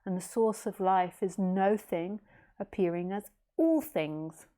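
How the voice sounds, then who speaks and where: Mellow-voiced woman in her late thirties. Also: medium pitch, slow pace. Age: late 30s. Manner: rambling, easygoing, jokey asides. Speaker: spiritual teacher. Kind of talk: casual philosophical talk.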